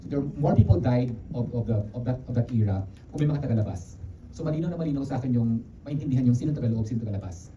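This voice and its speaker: A middle-aged man with a Filipino accent, a film director answering press questions in rapid, animated Filipino mixed with English, with many restarts. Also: medium pitch. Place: media conference room. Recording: dull, roomy, distant, with background noise.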